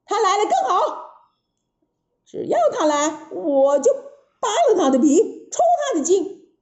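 A boastful, fierce cave monster, as a woman storyteller puts him on, shrill and mocking, with his voice swooping high. He gloats in this storybook tale. The sound is roomy and slightly dull. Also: big pitch swings, measured pace, darkish tone, exaggerated voice. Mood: gloating.

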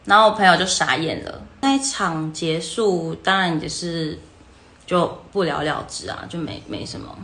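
A young woman with a Taiwanese Mandarin accent hosts a livestream, telling a story casually. Her voice sits a little low. She tells it in a lively way and jumps into the other people's voices as she quotes them. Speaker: livestream host.

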